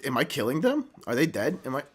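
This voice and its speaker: A man's voice: medium pitch, big pitch swings, quick pace, breathy edge. A man co-hosting a casual gameplay video, rambling loosely and swearing as he plays. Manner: rambling, loose, swears and laughs while playing. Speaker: gameplay co-host.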